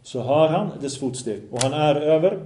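Higher-voiced man teaching in an echoey room. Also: expressive, warm tone, a little hiss or hum. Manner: recites Arabic, then translates and explains; asks the listeners questions. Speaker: religious teacher. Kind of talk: Islamic study lesson.

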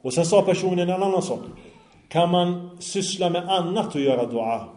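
A man's voice: high-pitched, animated, darkish tone, roomy sound. A man giving a lecture, earnest, often asking his listeners questions. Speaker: Islamic lecturer. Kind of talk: religious lecture with audience questions.

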